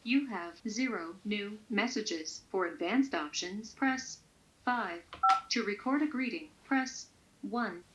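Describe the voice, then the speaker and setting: A woman's recorded voicemail prompts, heard through a landline phone speaker and read out in an even, measured way. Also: medium pitch, noisy background. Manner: even, measured menu announcements. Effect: heard over a landline phone speaker. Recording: muffled lo-fi phone audio.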